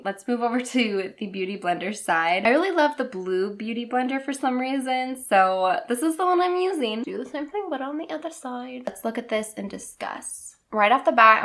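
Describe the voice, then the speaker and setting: A woman's voice: fairly high pitch, expressive, moderate pace, bright, forceful tone. A woman chatting casually and upbeat while she applies makeup in a beauty vlog. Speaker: beauty vlogger. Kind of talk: casual makeup tutorial chat.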